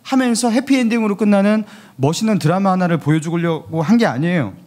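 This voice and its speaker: A man's voice: high voice, expressive, fast talker, a little mellow. A man, the pastor, preaching a Sunday sermon and asking the congregation questions as he goes.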